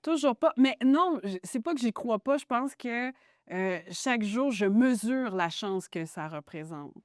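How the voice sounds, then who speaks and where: A woman's voice: on the high side, animated, measured pace, dry recording, studio quality. A woman, a radio journalist talking in a casual interview, reflective and enthusiastic with frequent hesitations. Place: radio studio.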